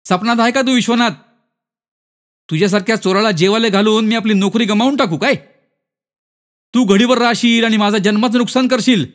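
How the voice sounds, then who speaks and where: A man's voice: sits high, steady tone, a little fast, pauses often, voice pushed up, lightly acted. A man voicing a coarse, mocking male village servant who taunts in rustic dialect. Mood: scornful.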